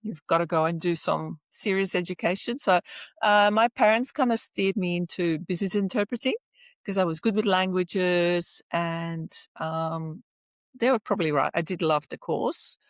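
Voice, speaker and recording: Here a tourism lecturer from Flanders, a native speaker of Flemish Dutch, chats casually and with enthusiasm as a podcast guest about personal matters. She has a lowish voice and a moderate pace, with no room sound in the recording.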